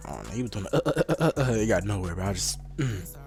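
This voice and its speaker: A man's voice: fairly low pitch, quick pace. Young guy hyped up watching his old football film, slangy, keeps saying bro, faint music underneath. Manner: slangy and excitable. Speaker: vlogger. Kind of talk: casual commentary on old game footage.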